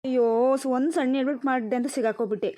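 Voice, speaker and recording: A woman's voice: high-pitched, rapid-fire, mellow, lightly acted. A woman voicing a sulky, careless young new mother in a cartoon, whiny and defensive.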